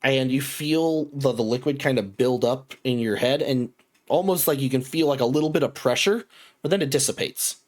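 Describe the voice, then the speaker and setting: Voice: medium pitch, normal speed, a little mellow. A game master narrating a tabletop game casually, with lots of fillers and restarts.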